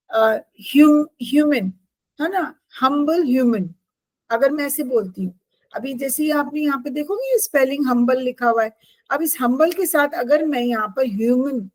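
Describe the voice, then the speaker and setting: A woman's voice: fairly high pitch, no echo, rough recording. A woman teacher explaining poetry devices to a class, patiently checking in with her students.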